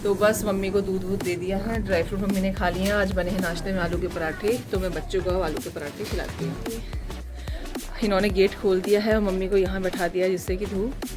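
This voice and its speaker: A young woman vlogging about her household chores in a casual, chatty way, her voice hoarse from a cold, with faint music behind her. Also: medium pitch, steady tone, fairly quick. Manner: chatty, running commentary on chores. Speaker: family vlogger. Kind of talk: casual home vlog narration.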